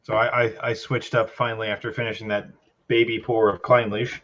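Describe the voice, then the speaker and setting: A man's voice: lowish voice, little pitch movement, a little fast, a bit bright, muffled recording. A man in casual whiskey-tasting livestream chat, joking and self-mocking.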